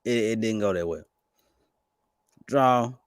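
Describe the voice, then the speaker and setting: A man giving casual, fast-talking commentary on stocks and crypto, excitable and stumbling over restarts. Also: lowish voice, smooth, dry recording, studio quality. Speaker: finance YouTuber.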